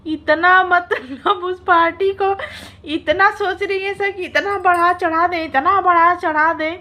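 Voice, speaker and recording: A woman's voice: very high-pitched, fairly even intonation, measured pace, bright, forceful tone. A woman vlogger in a casual reaction video, teasing and mocking, often breaking into laughter and mock-dramatic wailing.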